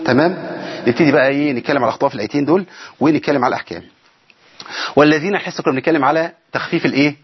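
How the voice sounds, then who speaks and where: A man's voice: fairly high pitch, rapid-fire, pauses often, breathy edge, muffled recording. A man with an Egyptian accent teaching Quran recitation on a broadcast program from a studio. He explains each rule and keeps asking rhetorical questions to the audience. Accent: Egyptian Arabic. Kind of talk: broadcast tajweed lesson.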